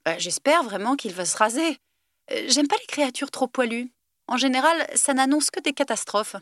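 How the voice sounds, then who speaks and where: A woman's voice: sits high, animated, moderate pace, fairly bright tone, no echo, clean studio sound, voice pushed up. A woman reading aloud, voicing a timid, studious teenage girl from a novel with an eager, rising delivery.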